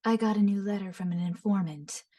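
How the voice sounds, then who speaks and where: A woman voicing a sultry, sharp-edged spy with a husky, low, well-enunciated voice. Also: a little fast, no echo, clean studio sound, recorded from a distance, lightly acted. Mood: cool.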